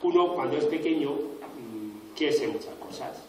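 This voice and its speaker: A man's voice: on the high side, animated, a little slow. A man who is an illustrator from Spain, telling jokey stories to schoolchildren in a playful way and acting out voices. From Spain, Extremadura. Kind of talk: storytelling talk to schoolchildren. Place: school hall or classroom. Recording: echoey room, far from the mic, noisy children. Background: crowd of children.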